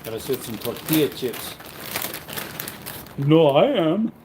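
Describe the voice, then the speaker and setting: His voice sits on the high side and is very animated, though he speaks slowly against background noise. He's a livestream host cooking at home, chatting loosely and rambling to viewers in an easygoing manner.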